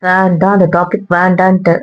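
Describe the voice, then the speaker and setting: A woman's voice: fairly low pitch, completely flat delivery, moderate pace. A woman in a couple's argument vlog, talking to her partner in a hurt, weary, lecturing way. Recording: dull lo-fi sound.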